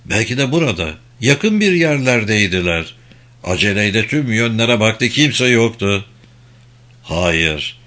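A man reading a first-person audiobook in a steady, deliberate way. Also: on the low side. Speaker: audiobook narrator.

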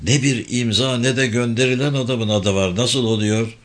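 A man's voice: mid-range voice, steady tone, moderate pace, lightly acted. A man voicing an alarmed male intelligence agent who presses with questions in a spy audiobook.

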